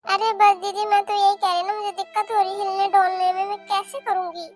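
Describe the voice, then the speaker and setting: A woman's voice: very high-pitched, little pitch movement, fairly quick, music in the background. A woman voicing a young new mother in a cartoon who is recovering at home and pleads for help in a plaintive way. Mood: pleading. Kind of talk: cartoon voice acting.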